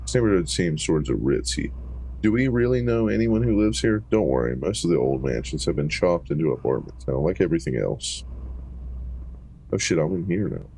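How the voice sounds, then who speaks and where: Deep mellow man voicing game dialogue. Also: big pitch swings, brisk, slight background noise. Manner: reads every character's lines with playful voices and casual asides. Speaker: let's play host. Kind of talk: reading game dialogue aloud while playing.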